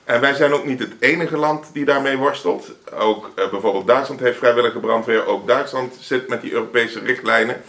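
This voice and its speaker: A man answering questions in a council meeting, explaining in a measured, slightly halting way. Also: medium pitch, a bit bright. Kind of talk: formal meeting reply.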